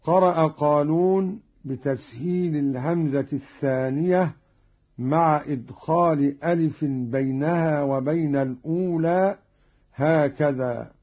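Slow, husky man teaching recitation variants. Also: fairly high pitch. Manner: measured, alternates explanation with intoned verses. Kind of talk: explaining recitation variants with chanted examples. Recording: dull lo-fi recording.

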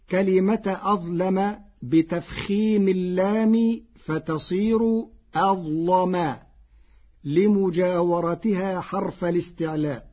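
Slow, husky, high-voiced man. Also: muffled recording. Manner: measured, slows to recite example words. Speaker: Quran recitation teacher. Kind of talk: explaining recitation readings, with recited examples.

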